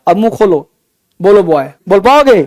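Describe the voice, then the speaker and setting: A man's voice: sits high, very animated, moderate pace. A man with an Indian accent teaching English grammar in a classroom lecture, repeating key words and quizzing his students.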